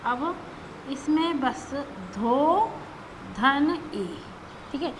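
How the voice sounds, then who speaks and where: A woman's voice: sits high, expressive, drawn-out words, slight background noise, poor audio. A woman teacher explaining grammar step by step, patient, who often checks in with her students as she goes.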